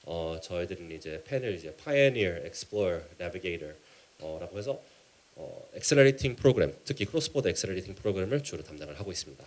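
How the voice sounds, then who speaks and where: A man with a Korean-American accent gives a conference presentation in a halting, measured way, mixing in English business terms. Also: deep voice, animated. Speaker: keynote speaker, startup mentor.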